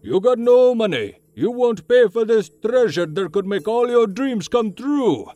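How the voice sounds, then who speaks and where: Man voicing a volatile old shopkeeper, wheedling, high voice, lively swoops. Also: slow, no room sound, exaggerated voice. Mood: furious. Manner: whispering then booming, high and animated.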